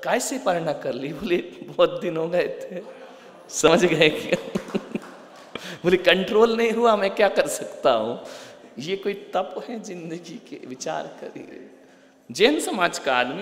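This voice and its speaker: Animated male preacher in a reverberant hall. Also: fairly high pitch, takes it slowly. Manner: animated, swings from loud to quiet, mimes, jokes. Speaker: Jain preacher. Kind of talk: sermon. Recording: echoey hall with long reverb.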